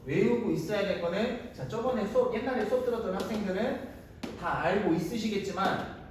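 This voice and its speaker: A man's voice: high voice, brisk. A man teaching a math class, chatty and digressive, bantering with his students in a casual way. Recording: echoey room, mic at a distance, faint noise.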